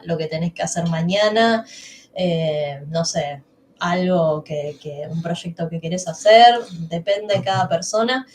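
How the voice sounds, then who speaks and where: A woman's voice: fairly low pitch, darkish tone, a little hiss or hum. A young woman with a Rioplatense Spanish accent co-hosting a livestream workshop, explaining in a chatty, self-interrupting way. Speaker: workshop co-host. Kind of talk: casual teaching on a livestream.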